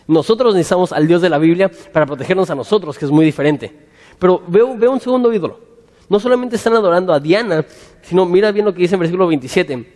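A man preaching a sermon as pastor, animated and acting out scenes with quoted voices. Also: high voice. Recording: long hall reverb.

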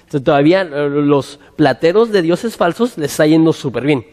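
A lively man preaching in a reverberant church hall, his voice sitting fairly high for a man. He breaks into little acted-out dialogues to bring the scripture to life. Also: normal speed. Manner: animated, acts out scenes with quoted voices. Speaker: pastor. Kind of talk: sermon.

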